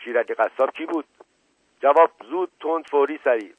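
A man's voice: mid-range voice, dry recording, phone-quality sound, pitched above the performer's own voice, close to an everyday voice. A man voicing a curt, bullying male police inspector who barks clipped commands. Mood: barking.

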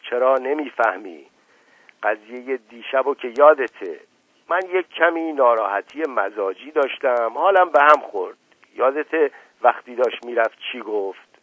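A man voicing a pompous, suspicious older uncle who speaks impatiently and forcefully, in a story reading. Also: medium pitch, husky, dry recording, pitched above the performer's own voice, natural voice. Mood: angry. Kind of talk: audiobook reading. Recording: tinny lo-fi radio broadcast, dry.

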